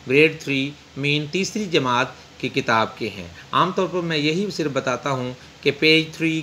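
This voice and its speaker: A man teaching an English textbook lesson, reading English slowly and explaining in Urdu with frequent pauses. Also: mid-range voice, sharp tone, slight background noise.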